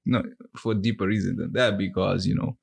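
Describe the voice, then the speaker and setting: A man's voice: deep voice, steady tone, fairly quick, gravelly, husky. A man from Zimbabwe chatting on a podcast, telling stories animatedly and mimicking people, laughing often. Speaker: podcast co-host. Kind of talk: casual chat.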